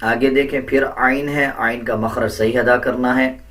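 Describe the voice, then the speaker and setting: A man teaching Quran recitation step by step in a patient, deliberate way, correcting common mistakes. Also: medium pitch, little pitch movement, a bit bright, far from the mic. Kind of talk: step-by-step pronunciation lesson.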